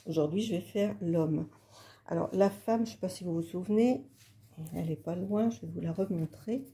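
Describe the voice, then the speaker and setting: A woman's voice: lowish voice, moderate pace, mellow. A woman hosting a casual craft video, talking through her work in a chatty, hesitant way with many fillers. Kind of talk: casual craft tutorial talk.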